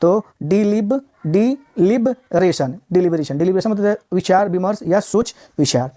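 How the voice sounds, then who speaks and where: A woman's voice: on the low side, dark tone. A woman teaching a recorded vocabulary lesson, repeating each word and asking her students rhetorical questions as she sounds out the spelling. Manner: drills words by repeating them and asks rhetorical questions; slows down to spell and sound out words.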